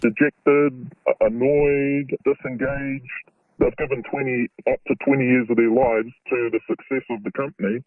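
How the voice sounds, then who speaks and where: An anonymous warehouse worker in a news clip, his voice electronically disguised and pitched down, complaining in a weary, aggrieved way. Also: little pitch movement, moderate pace, no room sound. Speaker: anonymous warehouse employee interviewed. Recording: distant tinny phone-line sound.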